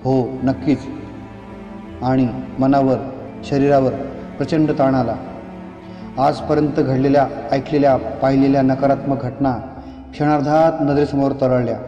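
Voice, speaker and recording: A man narrating a horror story in a scripted style, with slow dramatic pauses between short phrases. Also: medium pitch, flat delivery, dark tone, soft background music. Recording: echoey dull lo-fi room.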